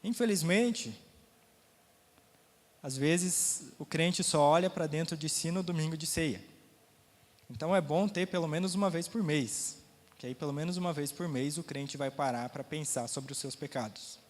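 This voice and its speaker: A man's voice: fairly high pitch, normal speed, big-room sound. A man with a Brazilian Portuguese accent teaching a Sunday school Bible lesson, talking casually, quizzing the class, his throat a little sore.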